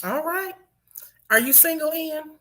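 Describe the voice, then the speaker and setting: A woman hosts an online panel show, talking upbeat and chatty straight to the women watching. Her high-pitched voice is expressive, pushed and bright, and she takes her time.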